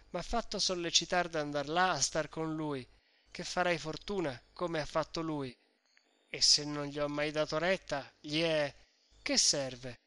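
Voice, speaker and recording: A man reading the part of an earnest, eager young man in love who pleads and hopes, in a bright, dry voice. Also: a little high, clean tone, no echo.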